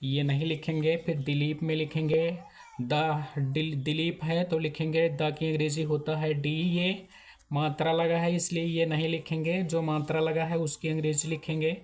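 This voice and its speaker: A man teaching name spellings step by step, in a slow, repetitive way. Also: on the high side, level tone, darkish tone. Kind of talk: handwriting lesson.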